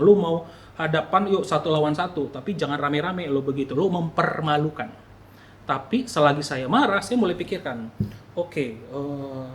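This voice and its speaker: A man preaching a sermon to the congregation, talking to them directly and acting out his inner thoughts in a quiet murmur. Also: fairly high pitch, a little hiss or hum. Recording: echoey hall with faint ambience.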